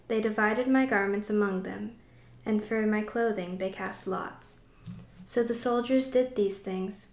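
A woman reading scripture aloud in a clear, careful way. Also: medium pitch, darkish tone. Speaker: scripture reader. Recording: echoey room.

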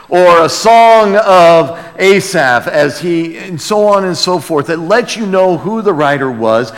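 Speaking in a high voice, a man delivers an expository sermon with a dramatically read scripture passage, his tone reverent and emphatic. He shifts between booming declarations and quiet, pointed stresses, all echoing through a long, reverberant hall.

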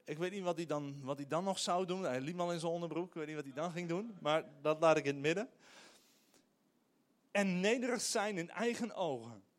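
A middle-aged man, a pastor, preaching a sermon in an animated, emphatic way with frequent hesitations. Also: a little high, fast, few pauses.

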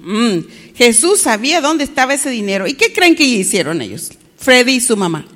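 A woman's voice: on the high side, moderate pace, in a large hall. A woman telling a story to children, often stopping to ask them questions. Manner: asks the children questions, animated.

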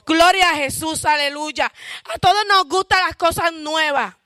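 A woman's voice: very high voice, measured pace, no echo, clean studio sound. A woman giving a fervent church testimony, calling out hallelujahs. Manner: self-described loud shouter.

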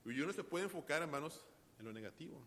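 Preaching pastor with rising, swelling emphasis. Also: male voice, on the high side, expressive, fast talker, long reverb tail. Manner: preaching with sharp swings between soft and loud. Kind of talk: sermon.

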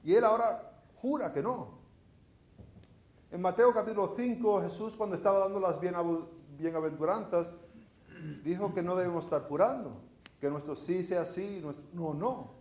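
A man's voice: sits high, normal speed, darkish tone, echoey room. A middle-aged man from Venezuela with a Venezuelan Spanish accent, preaching a sermon in a conversational, storytelling way, often putting rhetorical questions to the congregation.

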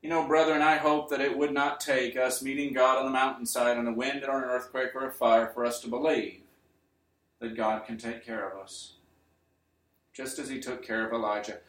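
A male preacher giving an earnest sermon to his congregation, building up to emphatic points and then easing into quiet appeals. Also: medium pitch, flat delivery, moderate pace. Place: church. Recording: roomy church sound, mic at a distance.

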